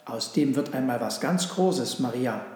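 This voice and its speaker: A man's voice: mid-range voice, a little slow, close to an everyday voice. A man voicing a coaxing neighbour woman who praises a child and then asks to borrow oil, in a read-aloud story. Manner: flattering, coaxing. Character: second flattering neighbour woman asking favours. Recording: very echoey room with long reverb.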